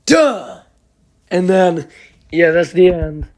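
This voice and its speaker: A teenage man with a high voice chats eagerly about his favorite songs. He rambles and restarts often, leaning on fillers as he goes. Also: normal speed. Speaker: podcast host. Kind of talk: casual chat.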